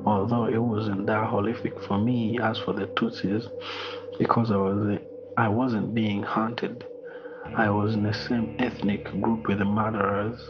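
A middle-aged Rwandan man reading a personal apology in a slow, solemn, measured way, heard over muffled video call audio. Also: fairly low pitch, little pitch movement, music in the background. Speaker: interview guest.

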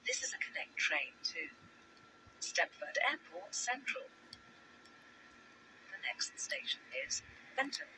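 A woman's voice as an automated onboard train announcer, her words spliced together from separate recordings into measured, clipped phrases. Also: medium pitch, sing-song, background noise.

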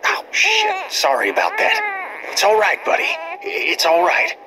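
A man playing a hot-tempered, foul-mouthed survivor in a dramatic video game, blunt and gruff. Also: extremely high pitch, wildly swooping pitch, measured pace, background noise, full character voice. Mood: soothing.

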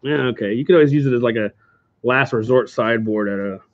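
A man's voice: mid-range voice, fast. A man with an Oklahoma accent hosting a live card sale from a game store, joking and hawking prices to viewers. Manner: jokey, playful hawking. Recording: dull lo-fi stream audio.

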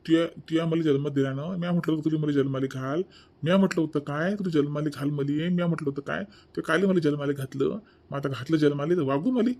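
A man's voice: fairly high pitch, quick pace, a little mellow. A man with a Vidarbha Marathi accent voicing a lazy, back-talking thirty-year-old son in a cartoon. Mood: cheeky back-talk. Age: 30s. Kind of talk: cartoon voice acting.

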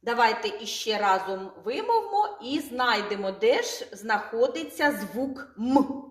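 A kindergarten teacher with a Ukrainian accent gives a slow, clearly articulated lesson to small children. Her voice is a little high and sing-song, and she draws out sounds and repeats words so the kids can echo them.

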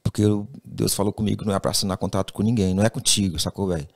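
Guy on a podcast, rattles off his story quick, keeps acting out what everyone said. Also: lowish voice, gravelly. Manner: animated, acts out quoted dialogue, says "velho" constantly. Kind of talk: casual storytelling.

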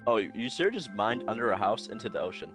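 A man's voice: fairly low pitch, sing-song, fast, over music. A young man playing a game alongside his friend, chatting casually in a laid-back, teasing way. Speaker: co-player. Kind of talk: casual gameplay chat.

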